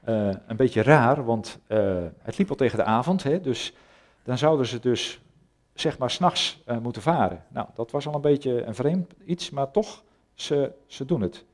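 A man's voice: medium pitch, expressive, moderate pace. Guy preaching, chatty and a bit hesitant, lots of ehs, mid voice. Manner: conversational, hesitant with many fillers. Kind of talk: sermon with Bible reading.

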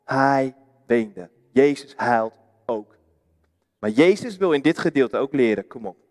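A man's voice: mid-range voice, animated, measured pace, darkish tone, in a large hall. A Dutch man preaching a sermon in a church, earnest, asking his listeners questions and answering them himself. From Netherlands.

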